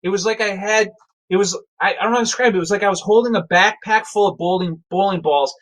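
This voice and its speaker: Guy telling a funny story off the cuff, rambly, lots of ums and restarts, animated. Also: high-pitched, fast talker, low-quality recording. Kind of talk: casual spoken anecdote.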